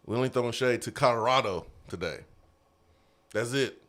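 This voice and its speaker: A man hosting a casual sports talk show, animated and quick to laugh. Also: mid-range voice. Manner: animated, laughing, drawn-out emphasis. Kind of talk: casual sports radio chat. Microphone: studio mic.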